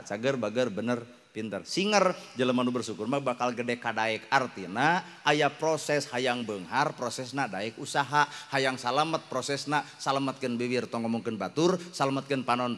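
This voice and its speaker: Jokey Sundanese-accented male preacher. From West Java, Indonesia. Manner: lively, jokey, acts out quoted wives and angels in high voices. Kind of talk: humorous Sundanese sermon.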